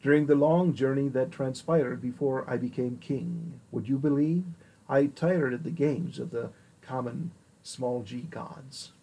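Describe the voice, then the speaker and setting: A man's voice: medium pitch, creaky, dark tone, breathy edge, rough recording. A man voicing a rueful regal king. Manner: measured, confessional speech. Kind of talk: audiobook character voice.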